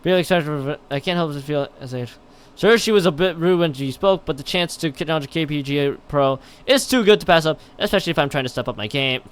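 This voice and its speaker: Reading a visual novel aloud on a livestream, this man trips over the text and keeps interjecting his own excited, casual reactions. He speaks quickly in a high-leaning voice that is clear and resonant.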